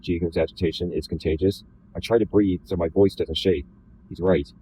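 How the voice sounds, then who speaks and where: A man reading a first-person novel aloud in a deliberately flat, slightly robotic delivery. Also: low voice, a little hiss or hum, poor audio. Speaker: reader.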